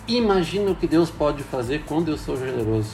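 A man's voice: a little high, lively intonation, brisk, darkish tone, slight background noise. A man, a priest speaking in a thoughtful, hesitant way with many fillers. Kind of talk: casual reflective talk.

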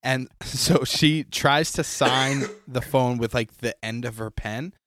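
A man's voice: medium pitch, takes it slowly, fairly bright tone, no echo, studio quality. A man in casual chat, telling a funny story and laughing often while acting out what people said.

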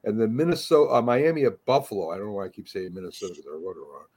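A man hosting a casual sports talk show, speaking in a halting, conversational way and steering the talk. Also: fairly low pitch, a little mellow, slightly rough. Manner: conversational, halting, leads the talk and hands it to others.

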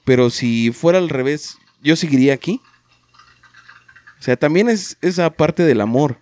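A man's voice: on the high side, animated, moderate pace, darkish tone, dry recording. A man with a Mexican accent in casual podcast chat, talking reflectively with plenty of slang and acting out quoted dialogue. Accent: Mexican Spanish.

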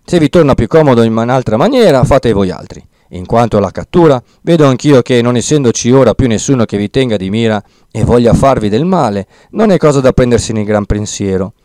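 A man's voice: mid-range voice, fairly quick, hardly any pauses, dry recording, clean studio sound, close to an everyday voice. A man voicing a fretful old village priest. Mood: placating. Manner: fretful, rambling, excitable. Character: timid fussy old male village priest. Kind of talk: audiobook character reading.

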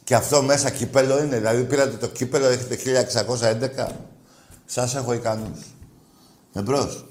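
A man hosting a sports call-in radio show, answering callers with gruff, clipped, teasing replies. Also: medium pitch, steady tone, a little mellow, echoey room.

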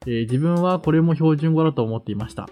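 A man co-hosting a podcast in casual chat, reading listener letters aloud at an unhurried pace. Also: fairly high pitch, mellow.

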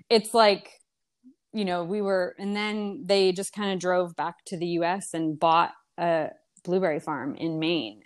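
A young woman with a fairly low voice talks casually. She rambles, circling back on her own sentences and leaning on fillers as she reminisces. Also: darkish tone. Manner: rambling, many fillers and restarts. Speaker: podcast guest. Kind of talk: casual conversational storytelling.

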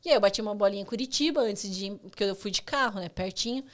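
A woman in her thirties with a Brazilian Portuguese accent, sitting in as a podcast guest. She tells her stories in an animated way, laughs often, and acts out the dialogue of the people in them. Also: mid-range voice, racing. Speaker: podcast guest, former tennis player. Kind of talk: casual storytelling chat.

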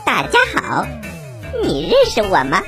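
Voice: medium pitch, huge pitch swings, unhurried, music in the background. An actor voicing a cute, playful little frog prince who is always hungry, for a children's story show. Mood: playful, cheerful.

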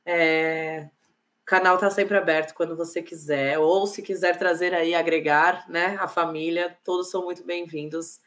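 A woman with a fairly low voice hosts an interview. She sounds friendly and thankful as she closes the chat with her guest. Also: fairly even intonation, moderate pace, a bit bright. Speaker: host. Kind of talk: interview host wrapping up.

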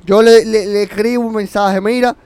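A man's voice: high voice, fairly even intonation, normal speed, a little mellow, clean tone, dry recording. A man co-hosting a casual podcast chat, ranting in mock resentment and laughing through his complaints. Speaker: podcast co-host.

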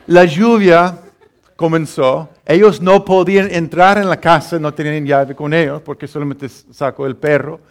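A middle-aged male pastor delivers a sermon in a slightly raised voice. He speaks haltingly, restarting words and chuckling at his own story. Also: on the high side.

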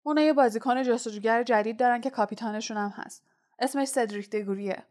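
A woman's voice: on the high side, darkish tone, close to an everyday voice. A woman voicing an intense, stern teenage boy team captain who talks urgently in a clipped, insistent way, in a storybook reading. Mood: bitter.

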